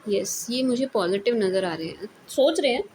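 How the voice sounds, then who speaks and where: A woman's voice: mid-range voice, animated, moderate pace, darkish tone, a little hiss or hum. A woman with an Indian accent giving a casual, chatty tarot reading, mixing English words into her talk and often checking in with her listeners. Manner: chatty, mixes English into Hindi, repeats "theek hai ji". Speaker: tarot reader.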